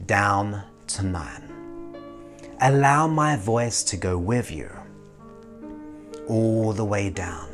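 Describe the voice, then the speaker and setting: A man leading a guided hypnosis as a slow, soothing countdown, pausing between short phrases. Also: lowish voice. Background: music.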